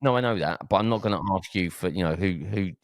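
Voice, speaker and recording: A man's voice: deep voice, fast talker, no room sound, studio quality. A man from Essex with an Essex accent hosting a casual podcast chat, hesitating and repeating words as he goes. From Essex, England. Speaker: podcast host.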